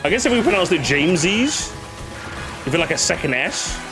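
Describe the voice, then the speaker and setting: A man's voice: on the high side, very animated, racing. A young man streaming in casual chat, rambling and joking with mock outrage at his chat. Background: music playing.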